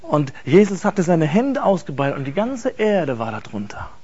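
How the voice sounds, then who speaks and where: A man telling an emotional personal faith testimony, earnest and halting, repeating words for emphasis. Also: on the high side, big pitch swings, warm tone, breathy edge, lo-fi sound. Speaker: speaker giving a faith testimony.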